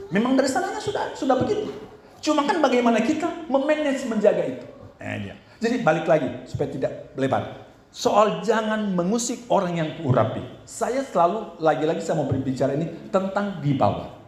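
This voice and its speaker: A man's voice: sits high, wildly swooping pitch, a little fast, a little mellow. A man, the church's pastor, delivers a Sunday sermon in a chatty way, often turning to speak to the congregation. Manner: conversational preaching with frequent asides to the congregation. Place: church hall. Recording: echoey church hall with faint background noise.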